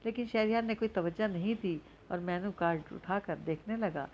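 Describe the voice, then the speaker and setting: A woman reads a novel aloud in a steady, storytelling manner. Her voice sits a bit low. The recording is slightly dull, with a faint hiss underneath. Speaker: narrator. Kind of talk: audiobook novel reading.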